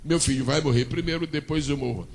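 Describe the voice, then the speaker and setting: A man voicing a despairing mother in the desert, crying out in a high, strained voice. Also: quick pace, a little mellow, natural voice. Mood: anguished.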